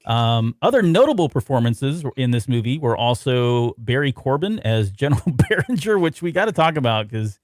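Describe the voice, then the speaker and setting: A man co-hosts a relaxed podcast talk, laughing often and wandering through old memories. His voice sits in a middle pitch. The sound is close and dry. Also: normal speed, few pauses, dry recording. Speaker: podcast co-host. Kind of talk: casual chat about a novel.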